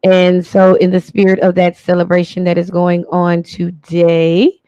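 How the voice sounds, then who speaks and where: Host, male, higher pitch, pointed repetitive delivery, dry dull sound. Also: monotone, a little slow, mellow, clean tone, dry recording. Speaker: livestream host. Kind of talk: live commentary.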